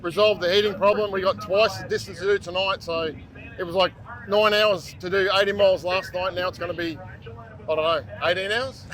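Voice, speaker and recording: A man's voice: sits high, fairly even intonation, fairly quick, crowd noise, rough recording. A man on a road-racing team chats casually outdoors by a car in a laid-back, rambling way, often trailing off. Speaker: race team member. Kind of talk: casual on-camera chat.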